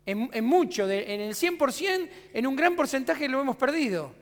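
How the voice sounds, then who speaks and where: A man's voice: very high-pitched, sing-song, normal speed, fairly bright tone, big-room sound. A man with a Rioplatense Argentine accent preaching a conversational sermon as pastor, asking his congregation rhetorical questions. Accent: Rioplatense Spanish. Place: church sanctuary.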